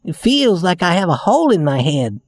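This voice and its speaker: Cheerful rag doll leader, a man doing it, lilting and lively; storybook. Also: sits high, normal speed, dry recording, clean studio sound, pitched above the performer's own voice. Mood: earnest.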